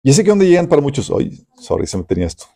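A man's voice: medium pitch, racing, vocal fry. A man preaching to young people, asking them rhetorical questions. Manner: animated, addresses listeners directly with rhetorical questions. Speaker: youth pastor. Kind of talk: sermon.

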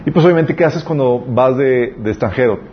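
A man's voice: mid-range voice, brisk, a little hiss or hum. Earnest man preaching. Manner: earnest, conversational preaching with personal stories. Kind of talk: sermon. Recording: dull lo-fi recording.

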